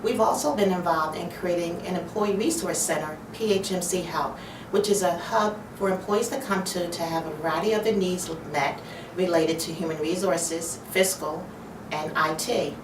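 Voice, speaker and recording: A woman's voice: on the low side, normal speed. A woman from human resources speaking in a fluent, polished way in a corporate video interview. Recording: roomy, distant mic, background noise.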